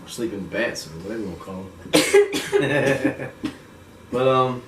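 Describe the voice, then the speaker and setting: A man's voice: mid-range voice, huge pitch swings, slow. A man hosting a casual movie review chat, laid-back and slangy, laughing often. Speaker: podcast host. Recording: echoey room, mic far off, faint noise.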